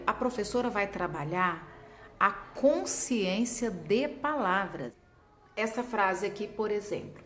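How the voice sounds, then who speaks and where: Demonstrating the chants she uses with children, a literacy teacher speaks to other teachers in a slow, deliberate way. Her voice sits a little high with a fairly bright tone, and the echoey recording carries faint ambience plus slight hiss or hum.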